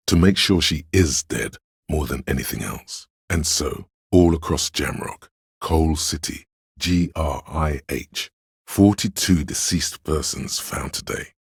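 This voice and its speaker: A man with an exceptionally low, gravelly and husky voice narrates a game with solemn, literary weight, placing each phrase deliberately like scripted drama. He's recorded on a close studio microphone, completely dry.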